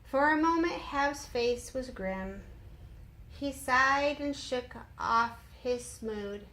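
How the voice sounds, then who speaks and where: Reading to children as a teacher would, this woman pauses for relaxed asides that explain the story. She speaks slowly in a high, sharp voice, keeping the instructive storytime feel.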